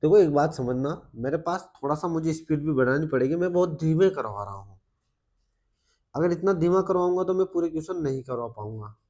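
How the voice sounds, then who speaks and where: A man's voice: a little high, lively intonation, brisk. A Hindi-speaking man with an Indian accent, teaching exam maths step by step. He keeps asking his students questions and mutters his working half to himself. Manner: coaxing, asks the students questions as he works; loud, then muttering calculations under his breath. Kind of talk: solving maths problems step by step.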